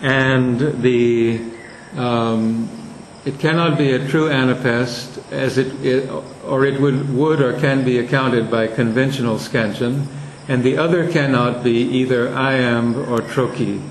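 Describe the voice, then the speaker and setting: A man lecturing a class on poetic meter, speaking slowly and deliberately and reading verse lines aloud to show where the stresses fall. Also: medium pitch, steady tone, roomy sound, a little hiss or hum, low-quality recording.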